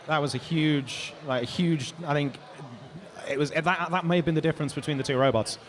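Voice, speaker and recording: A man's voice: on the high side, brisk. A British man co-commentating live on robot fights in a chatty, hesitant way.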